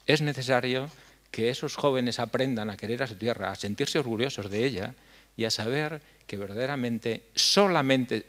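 Older man speaking earnestly, halting. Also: mid-range voice, a bit bright. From La Mancha, Spain. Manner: earnest, halting with frequent fillers. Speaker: foundation head giving a talk. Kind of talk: conference speech. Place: dark stage in a hall. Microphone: stand mic at a lectern.

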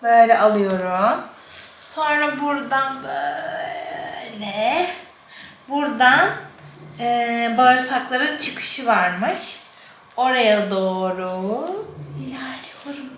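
Young mum, unhurried and very bright, talking to her baby as she demonstrates in a casual vlog. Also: fairly high pitch. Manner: talking to her baby in soft, affectionate sing-song asides while explaining. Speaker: mother demonstrating baby massage. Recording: roomy echo, faint background noise.

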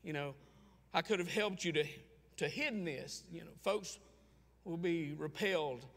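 A man's voice: a little high, moderate pace, a bit bright, long reverb tail. A preacher voicing an upset young girl. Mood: hurt. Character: upset tearful girl about eight.

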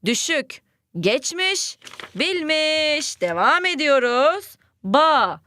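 A young woman teaching first graders to read. She sounds cheerful and speaks slowly, repeating each word aloud for the children. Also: high-pitched, big pitch swings, pushed and bright. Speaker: primary school teacher. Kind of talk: children's reading lesson.

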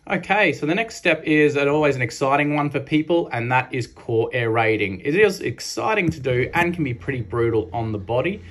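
A man in his thirties with an Australian accent, a lawn care host giving a practical step-by-step voice-over with casual fillers. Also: mid-range voice. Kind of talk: instructional voice-over.

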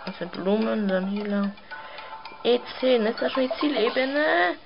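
A woman giving casual gameplay commentary, muttering relaxed asides. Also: on the high side, a little slow, creaky. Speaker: let's player. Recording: slightly dull sound, game music behind.

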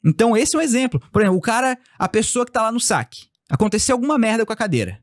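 A man being interviewed as a company founder, telling a casual story with animated delivery and acting out bits of dialogue. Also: very high-pitched, racing, dry recording, clean studio sound. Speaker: podcast guest, company founder.

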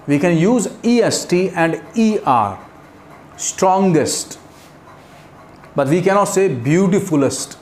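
A man teaching an English grammar lesson in Hindi and English with an Indian accent. He slows right down to spell out each English example. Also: a little high, darkish tone, slight background noise.

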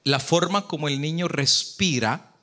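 A man's voice: fairly high pitch, unhurried, pushed and bright. Spanish-speaking man preaching a sermon. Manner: explains with rhetorical questions to the congregation. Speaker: pastor.

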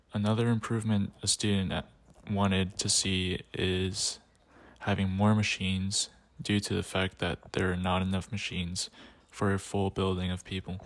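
A man's voice: sits low, no room sound. A young man narrating a class project video about campus laundry rooms, reading plainly. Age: young adult. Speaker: student presenter.

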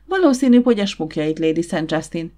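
A woman reading the part of a rough-spoken, scornful male servant in an audiobook. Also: lowish voice, lively intonation, dark tone, lightly acted.

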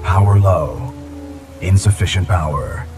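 A rusty, worn-down combat robot running on low power, speaking in a deep, flat, measured machine tone. It stays calm and dutiful while its systems reboot. The voice sits a little distant in the mix, under loud game music. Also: male voice, gravelly, full character voice. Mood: steady. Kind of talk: video game dialogue.

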